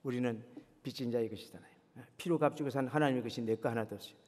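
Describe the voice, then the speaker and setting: A man's voice: mid-range voice, racing, darkish tone. Man, preacher, sermon, earnest exhortation, rhetorical questions, long echoing hall reverb.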